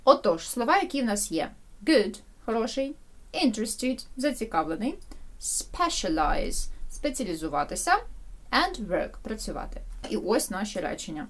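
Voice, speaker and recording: Woman teaching English slowly. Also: fairly high pitch, sing-song. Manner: explains in Ukrainian, repeats English words slowly for pronunciation. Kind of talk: bilingual vocabulary lesson.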